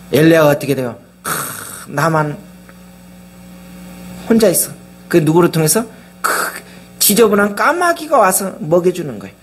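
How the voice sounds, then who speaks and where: A man's voice: a little high, a little hiss or hum. A male pastor preaching a sermon, asking the congregation question after question.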